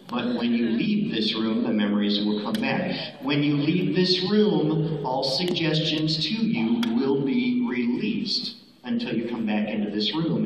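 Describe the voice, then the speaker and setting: A man working as a stage hypnotist, giving slow, repetitive suggestions to volunteers in a school gym, sometimes shouting playful lines for them to repeat. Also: mid-range voice. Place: school gym with a live audience. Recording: distant echoey gym recording, muffled, with a loud crowd.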